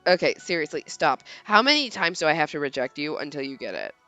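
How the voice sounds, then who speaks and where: A woman voicing a blunt, exasperated high-school boy who flatly brushes someone off, reading game text aloud. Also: brisk, soft background music, exaggerated voice. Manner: flat, dismissive, blunt.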